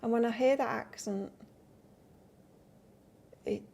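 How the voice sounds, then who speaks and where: Her fairly high voice swings widely in pitch and sounds gravelly and dark, delivered at a slow pace with a little hiss or hum in the background. She's a tarot reader from the north of England, with a northern English and Australian accent blend, chatting and rambling through a casual live-stream reading and talking to viewers between cards.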